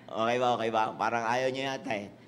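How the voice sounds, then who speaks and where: A man's voice: medium pitch, fairly even intonation, fairly quick. A man preaching a sermon, repeating his points and teasing the congregation. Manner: preaching in Tagalog-English mix, repetitive, teasing the congregation. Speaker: pastor. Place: church hall with congregation.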